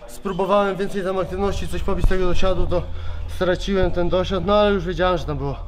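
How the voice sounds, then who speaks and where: A man in his thirties, worn out after a fight, answering reporters in a halting way, restarting and repeating words, speaking into handheld mics at a backstage press wall. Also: high-pitched, steady tone. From Poland. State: exhausted. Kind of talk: post-fight press interview. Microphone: several handheld reporter mics held close.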